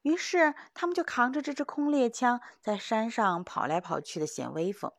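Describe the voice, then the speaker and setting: Expressive woman storyteller, dry sound. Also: a little high, no echo. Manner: expressive, rising and falling, slowing for suspense. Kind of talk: children's story narration.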